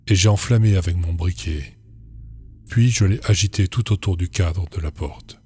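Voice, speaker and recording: Male horror narrator with a very low, dark voice, calm and measured reading. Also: breathy edge.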